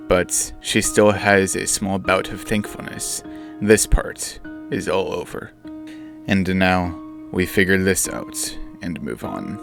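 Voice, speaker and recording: A man with a very low, heavily gravelly voice reads his own story aloud as an audiobook. His delivery is slow, subdued and mournful, first person throughout. A quiet guitar plays softly behind him. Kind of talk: audiobook narration. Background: faint guitar music.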